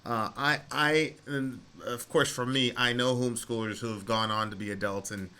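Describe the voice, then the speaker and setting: A man's voice: medium pitch, fairly even intonation, moderate pace, sharp tone, smooth. A man hosting a radio talk show, giving his opinions conversationally to a caller and repeating phrases for emphasis.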